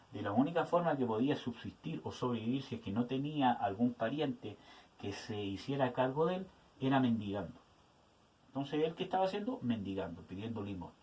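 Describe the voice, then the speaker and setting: A man teaching a Bible study to young people, often checking in with his listeners and searching aloud for words as he goes. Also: mid-range voice. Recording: voice from some distance to the mic.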